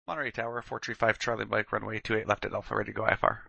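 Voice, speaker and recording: A man's voice: on the low side, little pitch movement, racing, creaky, sharp tone, no echo. A man working as a pilot, making procedural radio calls and readbacks.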